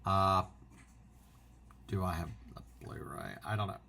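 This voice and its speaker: A man hosting a casual vlog, talking in an excitable, rambling way and interrupting himself often. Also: low-pitched, unhurried, gravelly. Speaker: physical media channel host.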